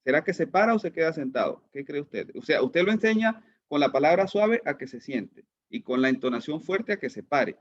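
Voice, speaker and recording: A man's voice: fairly high pitch, lively intonation, fairly quick, few pauses, no room sound, dull audio. A man teaching an online class, who keeps asking his students questions and repeats words as he goes. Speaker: lecturer.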